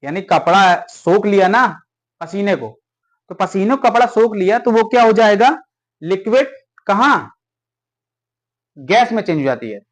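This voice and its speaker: A man's voice: high voice, animated, moderate pace, long pauses. A man teaching a class lesson in a chatty, coaxing way, pushing his students to answer. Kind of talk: classroom lecture.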